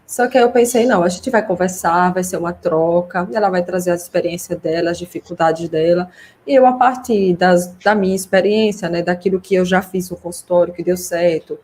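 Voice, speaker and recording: A woman's voice: on the low side, a little mellow, slight background noise. Chatty woman host on a video call. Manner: chatty, reassuring, many fillers like "né". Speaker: host, speech therapist consultant. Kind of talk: casual video call consultation.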